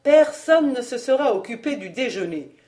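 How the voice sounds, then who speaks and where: A woman's voice: a little high, expressive, normal speed, warm tone, voice pushed up, lightly acted. A woman voicing a petty, fussy male royal steward who complains in a self-pitying tone. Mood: plaintive grumbling. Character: fretful middle-aged male royal steward, petty and greedy.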